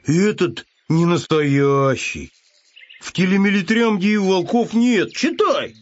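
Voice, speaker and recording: Storybook bear cub, earnest and insistent, lifted voice, played by a man, slow, music under. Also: high-pitched, expressive, pitched above the performer's own voice. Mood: reassuring. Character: earnest, kind bear cub, proud of his land. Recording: dull lo-fi audiobook with music.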